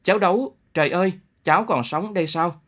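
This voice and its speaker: Tearful old village elder, trembling and high-pitched, read by a male narrator. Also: sing-song, moderate pace, a bit bright. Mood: overjoyed. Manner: trembling, wailing exclamations.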